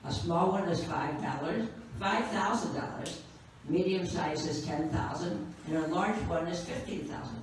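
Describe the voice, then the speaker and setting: In a noisy, echoey cigar bar, a woman in her 90s does live stand-up, delivering dry punchlines at an unhurried pace. Her pitch is fairly low and her pace moderate. The audio sounds distant, as if from across the room.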